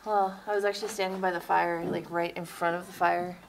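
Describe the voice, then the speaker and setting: A woman's voice: fairly low pitch, little pitch movement, brisk, creaky, a little hiss or hum, low-quality recording. Playful woman chatting by a fire. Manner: playful, laughs easily. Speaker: vlogger's companion. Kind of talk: casual chat.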